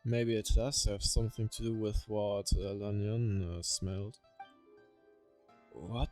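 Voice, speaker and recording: A man's voice: lowish voice, steady tone, takes it slowly, a little mellow, no echo. A man streaming a game, reading dialogue aloud with casual asides and stumbling over words now and then. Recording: game music behind the voice. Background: game music.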